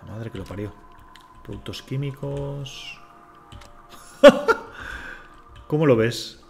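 A man's voice: mid-range voice, a little slow, creaky, music in the background. A man from Spain, swearing and talking to himself as he streams a game. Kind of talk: casual live gameplay commentary.

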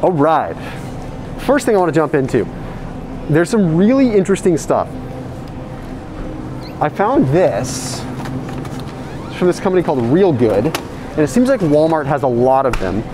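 A man talking through a face mask, casually reviewing frozen food in a supermarket aisle, animated and quick with asides. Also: fairly high pitch. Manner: animated, reads out ingredient lists with quick asides. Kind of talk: casual walkthrough vlog. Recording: noisy store background.

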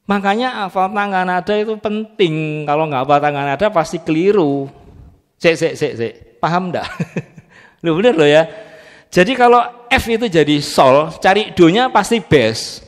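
A man's voice: sits high, animated, normal speed. A man teaching a music class, quizzing students on letter names and solfege. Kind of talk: live music training class. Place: church training room. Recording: long reverb in a hall.

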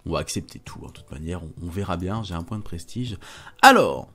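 A man's voice: deep voice, animated, fairly quick, sharp tone. A man giving casual let's-play commentary, chatty and stumbling, reading game text aloud and swearing lightly. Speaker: gaming YouTuber.

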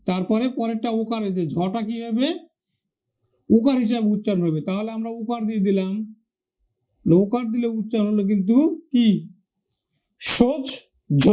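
A man teaching a lesson, patiently asking questions, answering them himself and repeating words slowly for pronunciation drills. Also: sits high, mellow. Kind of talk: classroom-style lesson.

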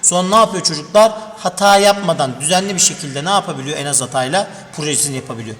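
A man's voice: fairly high pitch, fast, fairly bright tone. A male teacher giving an exam review lesson, talking to children and asking and answering his own questions. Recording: echoey room with long reverb, faint noise.

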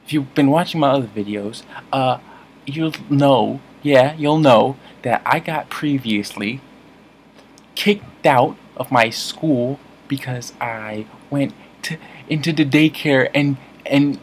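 A man's voice: mid-range voice, slow pace, a little hiss or hum. A man telling a story to camera in a comic vlog, rambling, mock-serious and constantly correcting himself. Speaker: comedy vlogger.

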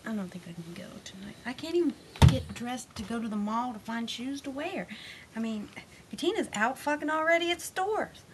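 A woman in her thirties complains and swears her way through getting dressed in a small home closet. Her high voice swings widely between exasperated outbursts and mutters. A faint hiss sits under the handheld camera recording. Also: lively intonation, moderate pace. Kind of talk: casual home video chat. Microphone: handheld camera filmed by her child.

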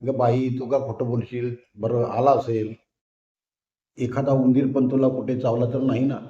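A man voicing a calm young woman friend who speaks in a soothing, reassuring way. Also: mid-range voice, moderate pace, close to an everyday voice. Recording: roomy, dull lo-fi recording.

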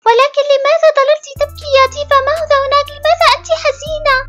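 A woman's voice: extremely high pitch, little pitch movement, very fast, over music, pitched above the performer's own voice. A woman voicing a kind schoolgirl friend with a sweet, pleading manner. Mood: caring.

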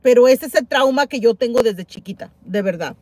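A woman's voice: a little fast, no room sound. A middle-aged woman chatting casually on a livestream, reading viewer comments aloud and exclaiming with many repeated words. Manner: animated, exclaims and repeats herself, swings high and loud. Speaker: couponing livestream host.

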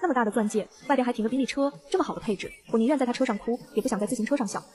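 A woman's voice: a little high, very fast, dark tone, close to an everyday voice. A woman reading the lines of a blunt, money-minded young woman in a crowd. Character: materialistic young woman onlooker.

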